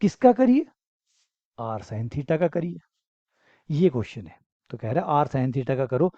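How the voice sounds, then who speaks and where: A man's voice: mid-range voice, expressive, a little slow, dark tone, no room sound, lo-fi sound. A man teaching a university math lesson, explaining step by step, asking questions and answering them himself, repeating key phrases to encourage his students. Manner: repetitive, encouraging, asks and answers own questions. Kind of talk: explanatory lecture.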